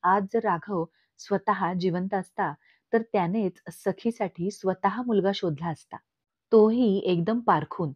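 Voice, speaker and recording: A woman's voice: mid-range voice, unhurried, husky, no echo. A woman voicing a domineering, scheming widowed mother who gives commands. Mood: commanding. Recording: dull lo-fi recording.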